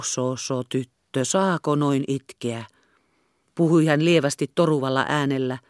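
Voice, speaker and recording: A woman reading a classic novel aloud in steady, measured audiobook narration. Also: low-pitched, no echo, studio quality. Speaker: audiobook reader. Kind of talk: scripted narration.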